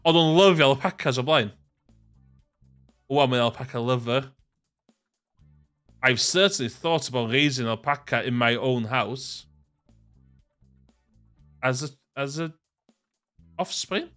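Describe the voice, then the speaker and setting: A man's voice: medium pitch, measured pace, pauses often, a bit bright, clear, resonant tone, soft background music. A man with a North Wales accent reading a visual novel aloud, mixing in casual, jokey banter. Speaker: gaming video host.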